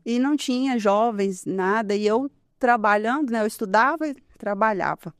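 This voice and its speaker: A woman's voice: on the high side, normal speed, no echo, clean studio sound. A woman in her thirties telling her personal testimony in an interview, earnest and conversational, often ending phrases with a questioning tag. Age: 30s. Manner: earnest, tells her story with frequent "né?" and soft laughs. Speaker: guest giving a testimony.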